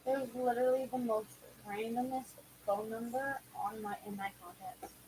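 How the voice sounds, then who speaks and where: A woman with a fairly high but soft-edged, mellow voice chats casually on an amateur livestream. She is blunt and irritated, with loose, sweary talk. There is some noise behind her. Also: steady tone, normal speed. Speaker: livestream host. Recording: noisy amateur livestream recording.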